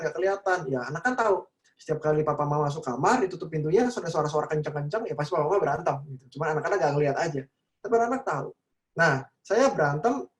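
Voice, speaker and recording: A middle-aged man with a voice pitched a bit above most men's, giving a relaxed seminar talk to parents over a video call. He speaks in a loose, chatty way, keeps checking in with his listeners, and slips into playful voices when he quotes children and parents. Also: reverberant. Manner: chatty, frequently tags sentences with "gitu ya" and acts out quoted voices.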